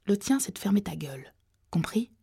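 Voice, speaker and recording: Cold bully of a man read by a woman, mellow low-key sneer, breathy edge. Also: big pitch swings, brisk, heavily acted. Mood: threatening. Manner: sneering, contemptuous. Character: cold menacing man, cruel and domineering.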